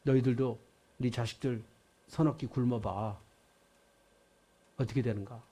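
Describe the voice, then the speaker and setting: A man's voice: mid-range voice, steady tone, measured pace, warm tone, voice pushed down. An older pastor voicing a bitter, resentful rich male tax collector who lashes out in indignant outbursts.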